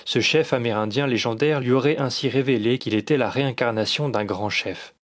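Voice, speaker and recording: A man reading a scripted documentary voice-over in a measured, dryly critical manner. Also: mid-range voice. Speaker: documentary narrator. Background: music.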